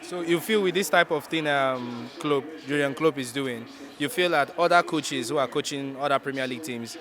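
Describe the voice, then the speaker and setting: A man's voice: mid-range voice, moderate pace, crowd noise. A man asking questions in a casual football interview.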